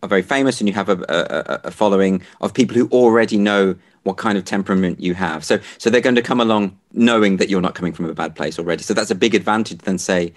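A man's voice: low-pitched, fast talker, few pauses. A man interviewing a guest, asking probing questions thoughtfully with stammered restarts. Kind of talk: conversational interview.

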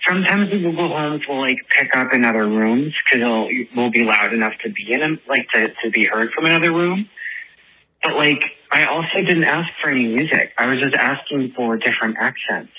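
Here a man with a mid-range, slightly rough voice speaks a little fast and with plenty of expression. Calling in to a show, he leaves a casual voice message on a phone-quality line, spinning a chatty, dramatic, self-mocking story that spills out nonstop.

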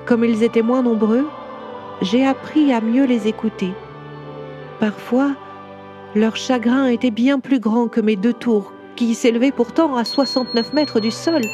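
An ancient cathedral speaks as a gentle, proud old lady of stone, voiced by a woman. She confides her story tenderly, in a slightly high voice. Soft music plays beneath her in this storybook audio drama. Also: close to an everyday voice.

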